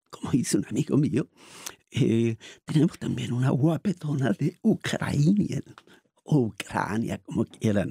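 A man hosting a casual studio talk show, rambling and lively with many fillers. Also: medium pitch, slightly rough, no echo. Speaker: show host.

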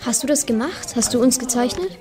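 Brief: a young woman voicing a teenage schoolboy, slangy, fairly high voice, amateur school play. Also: fairly even intonation, fast, crowd noise, close to an everyday voice. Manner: casual slangy schoolkid talk. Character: teenage schoolboy Peter, first mean then kind.

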